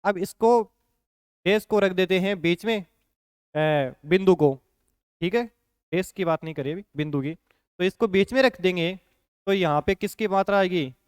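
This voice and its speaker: A man's voice: high-pitched, normal speed, pauses often, smooth, dry recording, clean studio sound. A man teaching a shorthand lesson, explaining patiently and often checking in with his students. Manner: patient, repeats points with frequent "ठीक है" check-ins.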